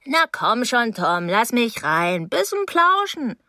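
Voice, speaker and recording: A woman's voice: on the high side, big pitch swings, slow pace, pushed and bright, no echo, clean studio sound, pitched above the performer's own voice, exaggerated voice. A woman voicing a nosy old landlady with heart trouble who nags and scolds while out of breath. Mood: nagging.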